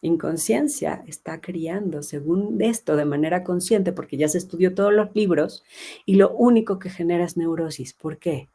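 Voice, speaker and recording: A woman's voice: on the low side, moderate pace, slightly rough. Earnest woman coaching parents. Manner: earnest and emphatic, voices the inner child in soft asides. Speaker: parenting coach hosting a live session. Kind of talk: live-streamed parenting talk answering viewer comments.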